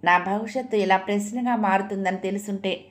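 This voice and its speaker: A woman voicing a heartbroken young wife who confides through tears in a halting way, in a storybook reading. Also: medium pitch, fairly even intonation, close to an everyday voice. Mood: tearful. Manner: sobbing, halting confession.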